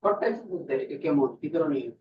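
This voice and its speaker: A man teaching an English class, coaxing students slowly and repeating words for them. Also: a little high, animated, a little hiss or hum. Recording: echoey room, distant lo-fi mic.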